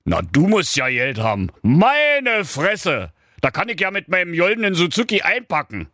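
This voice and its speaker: A man's voice: high voice, wildly swooping pitch, moderate pace, bright, forceful tone, no echo, studio quality, pitched above the performer's own voice, heavily acted. A man doing a grumbling gossipy king. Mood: impressed. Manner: complaining, colloquial, chatty. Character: grumbling middle-aged king, blunt and gossipy.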